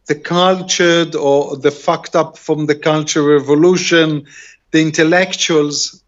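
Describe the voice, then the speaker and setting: A middle-aged man from Israel with an Israeli accent, a native Hebrew speaker, talking casually as an interview guest and often searching for words over a video call. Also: on the high side. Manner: halting, rambling, searching for words. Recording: dull, lo-fi video call audio.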